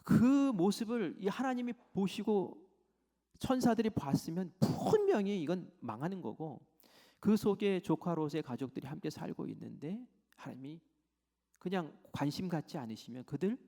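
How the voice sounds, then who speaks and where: A male pastor preaches in a fairly high, gravelly voice, acting out the story with sudden swings between loud lines and hushed whispers. His words ring out with a long reverb, as in a church sanctuary. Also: very animated, normal speed. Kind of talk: sermon.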